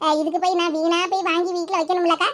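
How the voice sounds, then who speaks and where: A woman's voice: extremely high pitch, little pitch movement, racing. A woman voicing a nosy, thrifty neighbour in a cartoon. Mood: wheedling. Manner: inquisitive, haggling. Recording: noisy recording with clicks.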